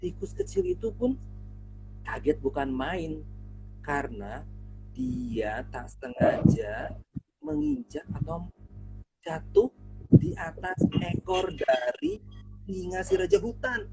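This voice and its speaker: Male storyteller for kids, lively and high voice with a gravelly edge. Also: slow, long pauses, faint music behind, rough recording. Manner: expressive, addressing children directly. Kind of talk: children's storytelling.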